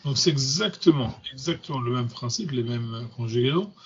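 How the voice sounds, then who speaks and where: A man's voice: medium pitch, lively intonation, normal speed, muffled recording, background noise. A man teaching a grammar lesson, patiently repeating and spelling out words. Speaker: Hebrew teacher.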